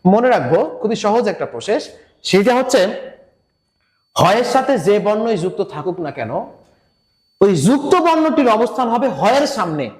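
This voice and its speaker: A man with a Bangladeshi Bengali accent teaching an exam-prep lesson, explaining step by step and slowly repeating words to model their pronunciation. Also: sits high, sing-song. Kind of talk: recorded lesson for exam students.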